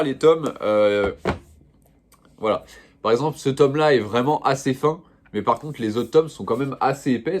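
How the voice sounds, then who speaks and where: A man's voice: medium pitch, a little mellow. A young man showing off his manga purchases in a casual, slangy, rambling chat full of fillers. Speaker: manga vlogger.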